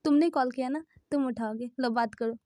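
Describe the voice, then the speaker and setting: A woman's voice: sits high, fairly quick, dark tone, no room sound, clean studio sound, close to an everyday voice. A woman voicing a bossy, impatient young male friend in a storybook-style fan dub, in a scolding, pushy manner.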